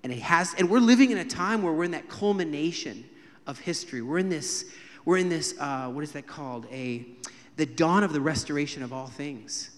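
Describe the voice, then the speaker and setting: Male preacher in a sanctuary, slightly high voice, lively storytelling sermon, long church reverb. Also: fairly quick. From United States. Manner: animated, acts out quoted voices and jokes with the congregation. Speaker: guest preacher. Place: church sanctuary during a live service.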